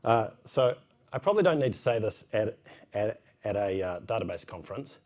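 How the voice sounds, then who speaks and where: Low-pitched man, broad Kiwi accent. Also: expressive, moderate pace, darkish tone. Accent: New Zealand. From New Zealand. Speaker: conference speaker. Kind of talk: informal technical conference talk. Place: indoor conference room, at a podium.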